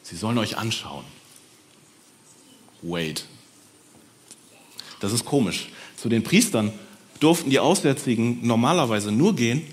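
Male storyteller, Bible tale for kids, lively and melodic, turns to listeners. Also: medium pitch. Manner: lively, addresses listeners directly.

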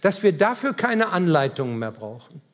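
A man's voice: high voice, very animated, normal speed, a bit bright. A man preaching a sermon in a church service, earnest and emphatic, speaking directly to the congregation and driving points home through repetition. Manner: earnest, emphatic with repeated phrases.

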